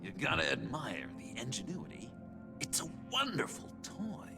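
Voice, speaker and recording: An actor playing a playful, mischievous young man with a gravelly voice and giggly, swooping delivery in a video game. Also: medium pitch, huge pitch swings, normal speed. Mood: admiring. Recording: game audio with music behind.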